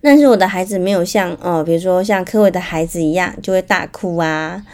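A woman's voice: lowish voice, brisk, darkish tone. Woman, Taiwanese Mandarin accent, chatty parenting podcast host, story-driven and filler-heavy.

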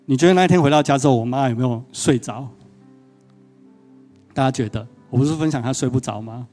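A man's voice: medium pitch, quick pace, warm tone, soft background music. A male pastor giving a sermon, telling a personal story and often asking the congregation questions.

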